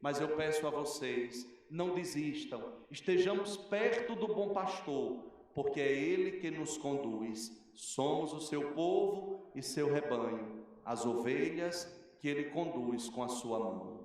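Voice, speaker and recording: A man with a Brazilian Portuguese accent, a parish priest giving a homily in an earnest, measured preaching manner with rhetorical questions, recorded in a cathedral. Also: on the high side, animated, a little mellow. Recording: echoey cathedral, mic at a distance.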